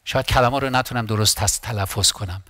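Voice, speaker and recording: A man's voice: fairly low pitch, bright, forceful tone, no echo. A man preaching a sermon as pastor, impassioned and emphatic, repeating phrases and often restarting words.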